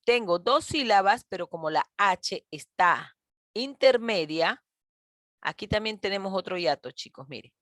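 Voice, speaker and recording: A patient woman teacher walks her young pupils through a grammar lesson over a video call, often pausing to check they follow. Her voice sits at an ordinary middle pitch. The sound is dry and close, with no room around it. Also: expressive, fairly bright tone, dry recording. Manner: patient, calls pupils "mis niños" and "chicos", often checks with "¿ok?". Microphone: computer mic on a video call.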